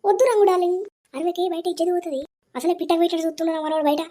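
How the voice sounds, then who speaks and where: A woman voicing a flirty village woman in a cartoon, speaking in high, squealing protests. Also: steady tone, very fast, mellow. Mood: coy. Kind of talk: cartoon voice acting.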